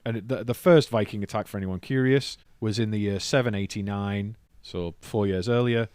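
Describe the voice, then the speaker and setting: North east english bloke rambling through some history on a podcast, lowish voice, dead dry sound. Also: male voice, normal speed, darkish tone, smooth, no room sound. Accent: North East England. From North East England. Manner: rambling storyteller, swears casually, jokes in silly voices. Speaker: comedian podcast co-host. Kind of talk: casual podcast chat.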